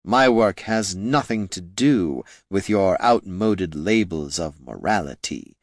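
A man voicing an undead male lich wizard, speaking slowly in a hollow, scornful, condescending way. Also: sits low, lively intonation, dry recording, studio quality, exaggerated voice. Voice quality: hollow, slow and drawn-out. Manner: condescending, dryly mocking.

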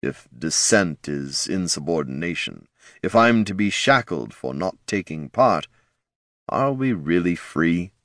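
An audiobook narrator voicing a defiant undead male knight commander who speaks low, grim and measured. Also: lively intonation, a bit bright, no room sound, clean studio sound, full character voice.

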